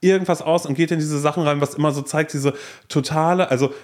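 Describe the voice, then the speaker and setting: Animated male podcast storyteller. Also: fairly high pitch, fast talker. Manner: animated storyteller who acts out quoted dialogue. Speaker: podcast co-host. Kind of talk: casual podcast chat.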